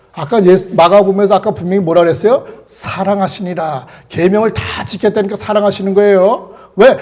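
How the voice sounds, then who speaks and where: A man's voice: high voice, darkish tone. A man teaching a Bible study, reading scripture aloud and repeatedly asking rhetorical questions. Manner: asks rhetorical questions and repeats phrases for emphasis; reads scripture aloud in archaic phrasing.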